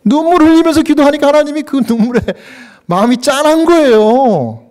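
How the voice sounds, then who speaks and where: A man with a high voice preaches a sermon with deep feeling. He talks straight to his congregation and asks them questions. His pitch leaps sharply in his most stirring moments. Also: lively intonation, brisk, darkish tone. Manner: emotional preaching with sudden pitch leaps and acted quotes. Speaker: pastor.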